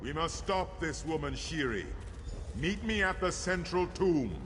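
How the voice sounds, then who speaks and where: An actor playing an anguished, devout warrior priest in a video game, with solemn, formal delivery. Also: male voice, fairly high pitch, very animated, measured pace, fairly bright tone, slight background noise. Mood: resolute, urgent. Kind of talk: dramatic video game voice acting.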